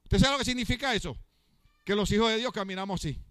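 A man preaching as pastor in church, asking his congregation questions, joking and shouting out drawn-out words for emphasis. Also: high-pitched, clean tone, dry recording. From Latin America. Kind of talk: lively Pentecostal-style sermon.

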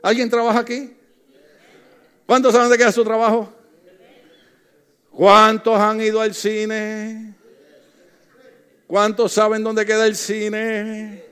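A man's voice: sits high, completely flat delivery, takes it slowly, long pauses, fairly bright tone, clear, resonant tone. A middle-aged man preaching a sermon, telling funny stories and calling out to the congregation. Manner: humorous storytelling, calls out to the congregation. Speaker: pastor.

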